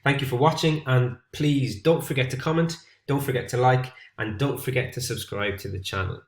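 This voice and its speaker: Irish male English teacher, scripted lesson to camera, clear and steady, mid pitch, echoey room. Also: normal speed. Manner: clear, steady explanatory delivery. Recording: roomy echo.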